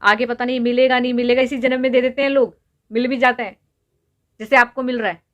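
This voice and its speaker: A young woman YouTube vlogger rants to camera with her opinions, lecturing and scolding someone and pushing her points with repeated rhetorical questions. Her pitch is fairly high, her tone level and her delivery brisk. The sound is dull.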